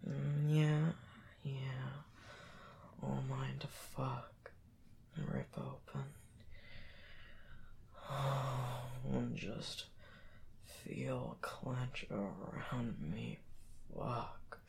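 A man performing an intimate audio roleplay, talking in soft whispers with drawn-out murmurs and sighs. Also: mid-range voice, steady tone, creaky, slight background noise.

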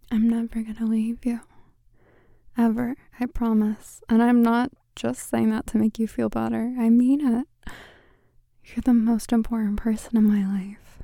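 A young woman in a soft, tender ASMR girlfriend roleplay, whispering and speaking gently into a close microphone with quiet laughs. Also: dry recording. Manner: soft, breathy whispering mixed with gentle low speech. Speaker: ASMR creator.

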